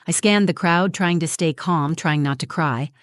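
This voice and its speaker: Woman, 40s, scripted first-person narration, measured and reflective, lowish voice, dry close sound. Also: no room sound.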